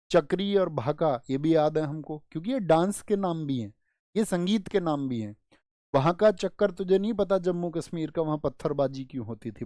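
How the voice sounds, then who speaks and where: A male exam-prep teacher giving an online lesson, asking students quick questions and teaching memory tricks with little stories. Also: on the high side, a little mellow, no echo, clean studio sound.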